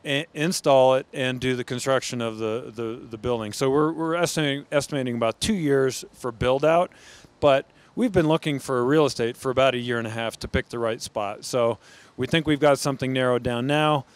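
A man's voice: mid-range voice, a little fast, smooth. A middle-aged American man, a brewery founder, being interviewed on a brewery floor with a handheld mic. He answers thoughtfully and often restarts his sentences. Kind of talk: on-camera interview. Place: large brewery floor among steel tanks.

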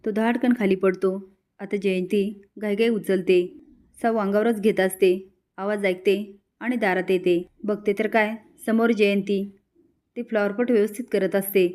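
A woman narrating an episode recap in a steady storytelling manner. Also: mid-range voice, normal speed.

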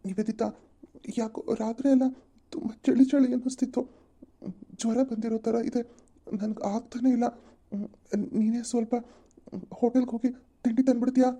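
A woman's voice: on the high side, flat delivery, moderate pace, pauses often, warm tone. A woman voicing a moody, self-pitying young husband in a cartoon. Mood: feeble. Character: young married man, moody office worker.

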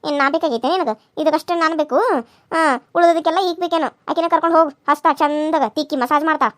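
A woman voicing a sharp-tongued village wife in a cartoon serial, scolding and sarcastic in a North Karnataka accent. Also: sits high, steady tone, no room sound, clean studio sound, lightly acted. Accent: North Karnataka Kannada. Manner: scolding, sarcastic, rapid-fire.

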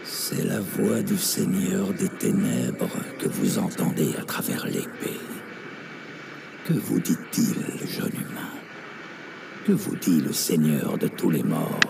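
An actor playing a menacing demon lord in a video game, with a gravelly voice and a booming villain monologue delivery. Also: male voice, sing-song, slow, full character voice. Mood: taunting. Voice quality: deep, gravelly. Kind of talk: dubbed video game acting. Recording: game audio with clear background noise.

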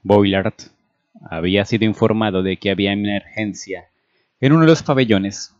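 A man with a fairly low voice narrates a story aloud in a measured, steady way. The recording sounds dull and lo-fi. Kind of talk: reading a fan story aloud.

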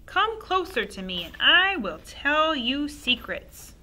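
A woman's voice: high-pitched, sing-song, slow pace, bright, forceful tone, slight background noise, pitched above the performer's own voice, exaggerated voice. A woman reading aloud and voicing a sinister old grandmother who seems to be a witch, relishing and wheedling by turns. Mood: coaxing, menacing. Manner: relishing, wheedling, then throaty whispering.

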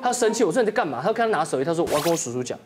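A man's voice: a little high, racing, crowd noise. A man, a guest on a talk show, telling an anecdote casually and acting out the people in it. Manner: animated storyteller acting out quoted people.

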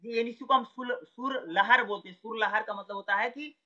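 A man teaches an exam-prep lesson conversationally, repeating words and often posing a question only to answer it himself. His very high voice has a sharp tone and a brisk pace, and the recording is lo-fi.

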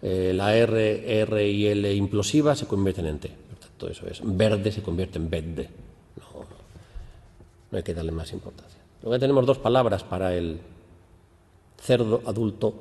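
A man's voice: on the low side, measured pace, pauses often. A man giving an academic lecture, explaining patiently and lifting his voice when he acts out questions. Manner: explanatory, lively emphasis on questions. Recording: long hall reverb.

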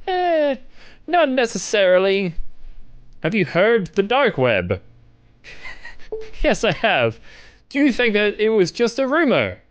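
A young man hosts a gaming video, giving casual, playful let's-play commentary as he reacts and reads game text aloud. His high voice swoops wildly in pitch, and his delivery is slow and smooth with frequent pauses.

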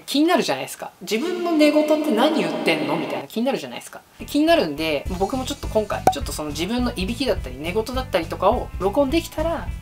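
A man's voice: high-pitched, very animated, rapid-fire, hardly any pauses. A young man chatting casually to the camera as a vlogger in a small room at home. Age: young adult. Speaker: vlogger testing an app. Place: small home room with desk and acoustic foam. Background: background music with guitar.

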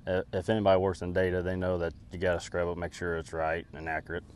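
A man's voice: low voice, monotone, fast, slight background noise. A middle-aged man, a farmer speaking matter-of-factly in an on-camera interview, with fillers. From United States.

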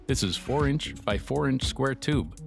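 Middle-aged man, metalworking instructor, dry scripted how-to voice-over, mid-pitched, music playing underneath. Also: animated, unhurried, creaky. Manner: dry, matter-of-fact, with wry asides.

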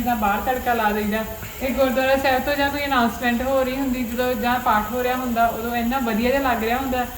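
A young woman chatting casually and expressively as she vlogs her cooking at home. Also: fairly high pitch. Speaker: family vlogger. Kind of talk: casual chat while cooking. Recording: roomy echo, faint background noise.

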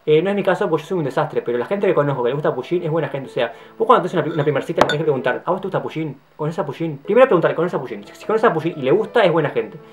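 With lively intonation, a man in his twenties with a Rioplatense accent vlogs a casual monologue to camera at breakneck speed, restarting and repeating words as he goes. His tone is effusive and playful, often easing into soft, low asides, while faint guitar music plays in the background.

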